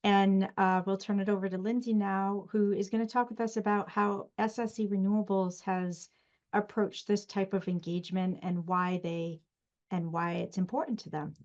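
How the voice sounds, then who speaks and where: A woman moderates a webinar in a very even, mid-pitched voice. The recording sounds dull and slightly lo-fi. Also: moderate pace. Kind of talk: webinar hosting. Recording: dull, band-limited audio.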